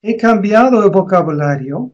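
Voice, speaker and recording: A man explaining how to teach reading, in a measured way with deliberate pauses. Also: high-pitched, lively intonation, lo-fi sound.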